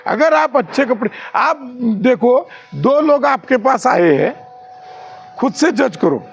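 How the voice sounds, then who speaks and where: A man's voice: extremely high pitch, sing-song, slow, creaky, dull audio, a little hiss or hum. A man training security guards in class, quizzing the trainees with questions and showing rude and polite ways to talk.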